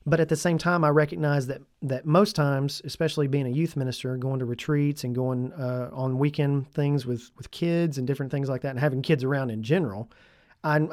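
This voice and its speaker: A man's voice: medium pitch, a little mellow, no echo, clean studio sound. Chatty man reviewing his gear. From Tennessee. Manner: chatty, enthusiastic, repeats himself. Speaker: podcast host, youth minister.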